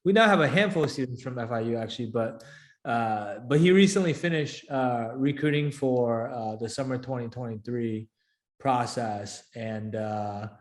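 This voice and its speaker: A man's voice: medium pitch, moderate pace, echoey room. A man hosting a casual interview over a video call, chatty and full of fillers. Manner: filler-heavy, loose and chatty. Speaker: interview host, founder of a career coaching program.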